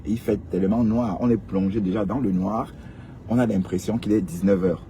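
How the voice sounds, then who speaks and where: A man with a fairly low, mellow voice comments casually on social media drama in a live stream, speaking at normal speed with fairly even intonation. He addresses his viewers directly, constantly dropping a questioning, rhetorical "hein?". There's a little hiss or hum on the recording.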